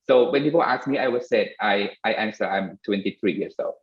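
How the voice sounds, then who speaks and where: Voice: medium pitch, brisk. A host in their thirties, chatting playfully on a podcast and swearing for emphasis. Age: 30s. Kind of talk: casual podcast chat. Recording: roomy, slightly dull sound.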